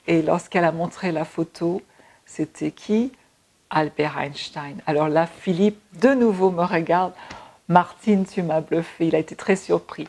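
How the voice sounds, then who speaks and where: A woman, an energy healer, recounting a personal experience in an animated way with frequent fillers and restarts. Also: lowish voice, normal speed, vocal fry, breathy edge. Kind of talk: personal storytelling.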